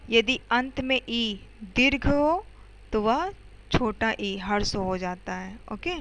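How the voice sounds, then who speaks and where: Slow-speaking woman teacher. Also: a little high, fairly bright tone, poor audio. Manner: explains step by step with frequent "okay" and "theek hai" checks; addresses students directly with questions. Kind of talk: grammar lesson for schoolchildren.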